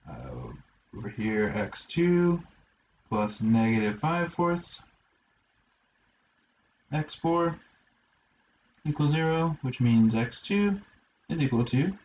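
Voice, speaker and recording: A college math lesson is led by a man whose medium-pitched voice has a darkish tone. He works through every step aloud with fillers and dry asides, captured in roomy, slightly dull lo-fi sound with faint hiss.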